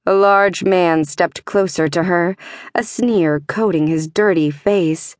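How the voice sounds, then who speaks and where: Low, slow woman narrating a fantasy audiobook. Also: no room sound, studio quality.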